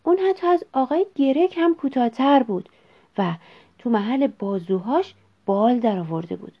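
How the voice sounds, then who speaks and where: Woman reading a children's story. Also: on the high side. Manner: expressive, measured reading aloud. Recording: dull lo-fi recording.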